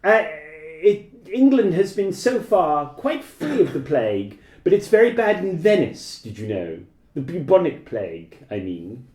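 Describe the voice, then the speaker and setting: A man's voice: on the high side, sing-song, a little slow, a little mellow. A man voicing a suspicious, formal young male plague doctor who asks probing questions in old-fashioned speech. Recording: echoey room.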